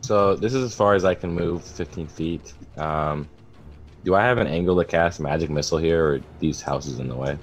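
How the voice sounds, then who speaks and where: Very deep-voiced man at a game table. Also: moderate pace, muffled recording, faint music behind. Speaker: player in a tabletop RPG. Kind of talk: casual table talk.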